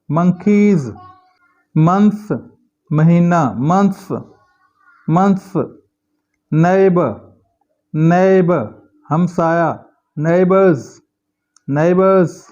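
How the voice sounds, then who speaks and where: Slow Pakistani man drilling vocabulary. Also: high voice, warm tone. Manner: slow, repeats each word with careful pronunciation. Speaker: English teacher. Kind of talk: vocabulary lesson, word-by-word drill. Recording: dull lo-fi recording.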